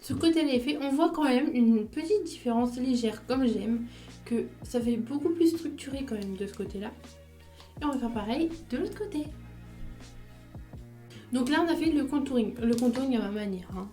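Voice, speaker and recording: A woman's voice: a little high, normal speed, dark tone, soft background music. A woman chatting casually through her makeup routine step by step, with small fillers as she goes. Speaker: beauty vlogger.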